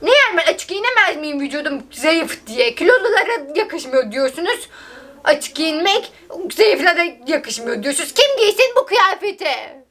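A woman's voice: high-pitched, sing-song, moderate pace, a bit bright. A woman vlogger chatting casually to her viewers, giggly and self-mocking. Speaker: TikTok vlogger.

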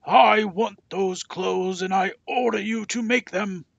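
Man acting a booming, pompous storybook king. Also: slow, vocal fry, fairly bright tone, no room sound, highs cut off, full character voice. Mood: angry, shouting. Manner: imperious, booming, declamatory. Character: pompous, bellowing, vain storybook king, greedy and short-tempered. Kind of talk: children's storybook read-aloud.

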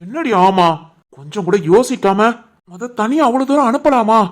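Casting: woman playing a hot-tempered young husband in a cartoon, Tirunelveli Tamil accent, fairly high voice, scolding. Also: animated, moderate pace, close to an everyday voice. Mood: angry. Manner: scolding, stern. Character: young husband and son, short-tempered man. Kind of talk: animated family drama voicing.

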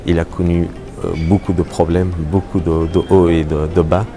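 Middle-aged Afghan man, deep, hesitant interviewee, lapel mic in a gallery with music behind. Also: flat delivery. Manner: halting, many fillers and restarts. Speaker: painter. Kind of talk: on-camera interview. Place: art gallery hall.

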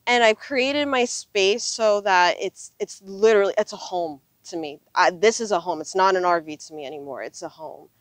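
A woman's voice: mid-range voice, moderate pace, few pauses, no echo. A woman in her thirties speaking earnestly and reflectively in a casual interview, conversational in manner, recorded outdoors on a lapel mic. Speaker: interview guest, full-time RV traveler. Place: outdoors on open desert gravel lot. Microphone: clip-on lapel mic.

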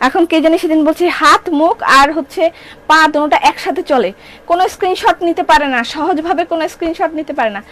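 A middle-aged Bangladeshi woman hosts a live sales stream, chattering quickly and playfully as she shows clothes and answers comments. Her voice sits high in its range. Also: a bit bright. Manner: fast, chatty, playful, reads comments aloud. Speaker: shop owner selling clothes on a live stream.

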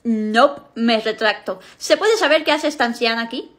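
A woman's voice: a little high, moderate pace, close to an everyday voice. A woman voicing a sassy, scheming teenage girl who talks back in a snarky, mocking way.

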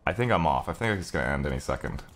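A video game streamer with a rumbling low, slightly bright voice talks in rapid-fire, expressive bursts. His casual gameplay commentary is full of griping, exclamations and swearing.

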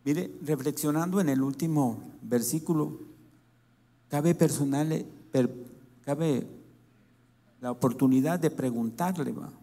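A man preaching a sermon in Latin American Spanish, reading scripture and speaking in a slow, halting way with restarts. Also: fairly high pitch, warm tone.

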